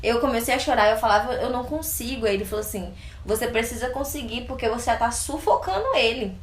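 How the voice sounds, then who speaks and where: A woman's voice: fairly high pitch, fast, reverberant. A young Brazilian woman in her twenties, recounting a personal experience in an interview with frequent laughter. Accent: Brazilian Portuguese. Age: 20s. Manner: laughs often while telling, acts out quoted voices. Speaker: interview guest. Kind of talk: casual personal storytelling.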